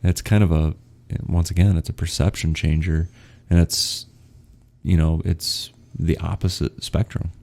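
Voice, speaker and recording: A man's voice: low voice, level tone, measured pace, gravelly, darkish tone. A young man hosting a podcast, talking casually and laughing often, with many fillers. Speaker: podcast host. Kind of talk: casual conversational interview.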